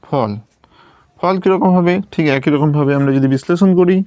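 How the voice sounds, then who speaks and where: A man's voice: on the high side, fast talker, darkish tone, no room sound. A man teaching English pronunciation, patiently spelling out each sound step by step and checking that his students follow. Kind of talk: slow step-by-step lesson at a writing board.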